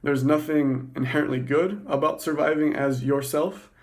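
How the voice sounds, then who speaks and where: A man hosting a podcast, talking through philosophical ideas in an excited, fast, self-correcting monologue. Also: on the high side. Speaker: podcast host. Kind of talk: casual spoken monologue on philosophy.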